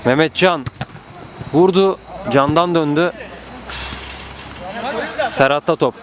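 A man doing live play-by-play football commentary, excitable, with calls that rise to drawn-out screams at goals. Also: crowd noise. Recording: noisy outdoor pitch, background ambience.

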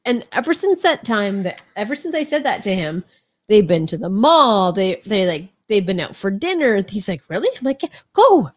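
A sniffly middle-aged woman co-hosts a livestream, reading chat comments aloud and chatting casually with a teasing edge. Her mid-range voice is very animated and moves at a moderate pace.

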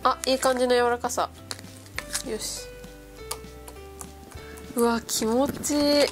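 A young woman with a stuffy nose from a cold, chatting excitedly as she plays with slime at a table. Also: fairly high pitch, slow pace. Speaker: slime vlogger. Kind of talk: casual chat. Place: indoors at a table. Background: background music.

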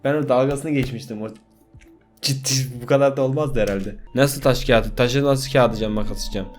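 A man's voice: medium pitch, fairly even intonation, brisk, soft background music. A young man hosting a gaming video, giving casual let's-play commentary in a joking, rowdy way and swearing freely.

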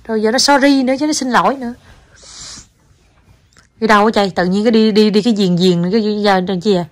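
A woman's voice: medium pitch, fast talker, dry recording. A young Southern Vietnamese woman chatting at home in a casual family vlog, coaxing her child and talking to viewers, slipping English words in. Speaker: mother vlogging with her child. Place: home, indoors.

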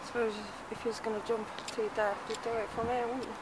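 Woman, self-narrating vlogger, high but flat delivery, heavy wind noise on the camera mic. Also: fast talker. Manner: chatty, muttering to herself while climbing. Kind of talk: casual running commentary. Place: medieval church tower, outdoors and narrow stairwell.

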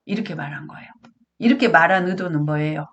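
A woman's voice: deep voice, fast talker, dull audio. A woman giving a parenting lecture, talking earnestly and straight to her listeners, now and then acting out what parents and children say. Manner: earnest, addresses audience directly, acts out parent and child quotes. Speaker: parenting educator.

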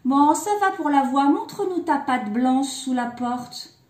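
Woman doing shrill little goat kids. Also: unhurried. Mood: excited. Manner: shrill, excited cries. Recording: echoey room.

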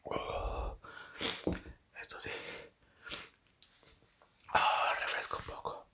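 A young man doing whispered ASMR eating commentary in halting, short phrases, close to the microphone in a small bedroom. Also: pushed and bright. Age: young adult. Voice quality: breathy, unvoiced whisper. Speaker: ASMR mukbang creator. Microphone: desk microphone close to the mouth.

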